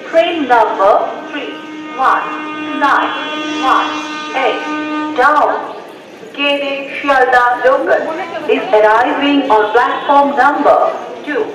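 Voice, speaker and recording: A woman's automated train announcement played over a railway station loudspeaker, read in slow, evenly spaced, pieced-together words. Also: sits high, reverberant, background noise. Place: railway platform, outdoors. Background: trains and station ambience.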